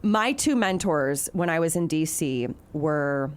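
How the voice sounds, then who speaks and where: A woman's voice: sits low, lively intonation, a little slow, clean tone. A woman from the Chicago area, a TV news anchor, chatting in an interview with lots of fillers and restarts. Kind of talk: casual interview chat.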